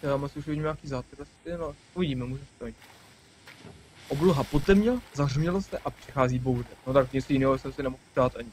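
A young man hosting a gaming video, chatting casually and excitedly with a friend, swearing and laughing often. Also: mid-range voice, a little hiss or hum, rough recording. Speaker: gaming channel host. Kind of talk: casual let's-play banter.

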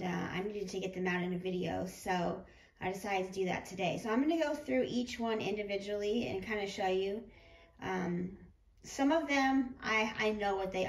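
A woman with a slightly harsh, hoarse voice from being sick, chatting casually and ramblingly as she shows off her hobby finds. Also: mid-range voice. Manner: informal, rambling, self-correcting. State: getting over a sickness, slightly hoarse. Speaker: doll collecting vlogger. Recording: roomy echo with clear background noise.

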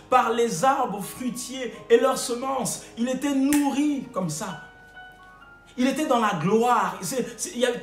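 A high-voiced man preaches a sermon, repeating his refrains emphatically and stumbling over hesitations. The sound is echoey, with faint music behind him.

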